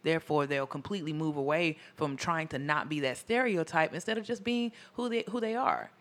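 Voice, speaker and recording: A man's voice: a little high, a little fast, a bit bright. A man, hosting a casual conversation.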